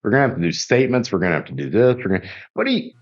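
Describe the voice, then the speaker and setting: A man's voice: lowish voice, wildly swooping pitch, very fast. A middle-aged man hosting a podcast, rambling through army anecdotes and swearing constantly. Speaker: podcast host. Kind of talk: casual profane storytelling. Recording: dull lo-fi audio.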